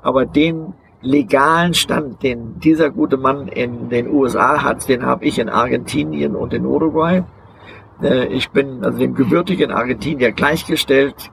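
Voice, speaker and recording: Outdoors beside a vehicle museum, an older man who has traveled overland for years answers interview questions in a gravelly, halting voice, hesitating often and using many filler sounds as he searches for words. His pitch is medium, his tone steady and fairly bright. The audio is poor, with a faint outdoor hum underneath.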